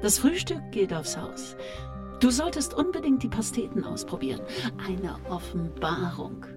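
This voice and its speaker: A woman's voice: mid-range voice, sing-song, moderate pace, music in the background, lightly acted. An actress playing a teasing, self-assured female killer who speaks in a languid, mocking, flirtatious way. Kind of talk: noir audio drama acting.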